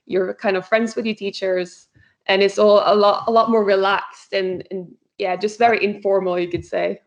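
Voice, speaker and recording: A woman in her thirties from Norway chats easily as a podcast guest. Her speech is relaxed and loose, full of fillers and restarts. Her pitch sits mid-range, and the audio is a little dull and lo-fi. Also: normal speed. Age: 30s. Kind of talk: casual chat.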